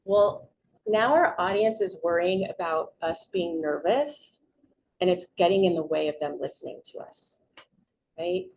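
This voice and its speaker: A woman's voice: fairly low pitch, a little slow, darkish tone, rough recording. A middle-aged woman giving an informal community presentation on public speaking, chatty and upbeat, often checking in with her listeners. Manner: chatty, upbeat, frequent "right?" check-ins.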